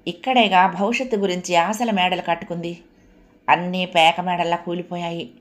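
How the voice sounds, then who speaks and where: A woman's voice: lowish voice, steady tone, moderate pace. A woman narrating a serialized audio novel, greeting her listeners as friends and telling the story expressively. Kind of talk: reading a serialized novel aloud.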